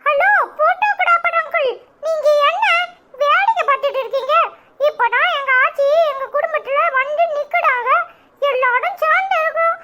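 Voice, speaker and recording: Lady doing a super high squeaky kid, cheeky and gossipy, kanyakumari tamil accent. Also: normal speed, pushed and bright, muffled recording. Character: cheeky little child, chatty and bold.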